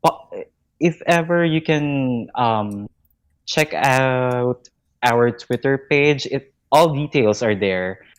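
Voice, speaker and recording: Slow, polite guest. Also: medium pitch, lively intonation, clean tone. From Philippines. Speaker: guest, fan club representative. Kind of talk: casual podcast chat.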